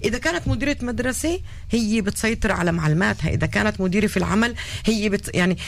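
A woman's voice: medium pitch, expressive, rapid-fire, creaky. A woman with a Palestinian Arabic accent speaking bluntly as a guest in a live discussion. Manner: blunt, outspoken. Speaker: talk show guest.

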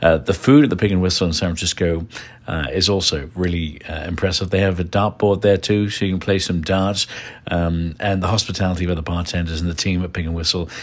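A man with an English accent and a very low voice talks through his picks at an easy pace, stopping often for filler uhs. He sounds loose and unscripted. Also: fairly even intonation, fairly quick. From England. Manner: rambling, many filler uhs. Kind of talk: casual recommendations list.

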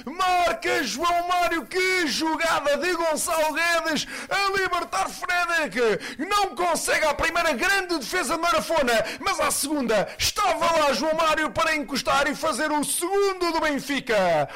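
A man with a European Portuguese accent shouting fast, dramatic and excited football commentary. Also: very high voice. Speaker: amateur football commentator in a contest.

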